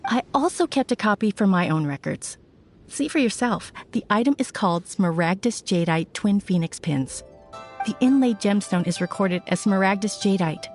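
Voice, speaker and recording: A woman's voice: medium pitch, expressive, moderate pace, faint music behind, close to an everyday voice. A woman playing a friendly young shopkeeper. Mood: helpful.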